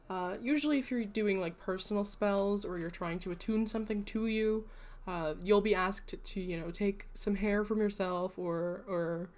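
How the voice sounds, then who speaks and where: A woman of middling pitch chatting casually on a livestream. She explains things to her viewers in a loose, rambling way and drifts into self-deprecating asides before coming back to her point. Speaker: livestream host.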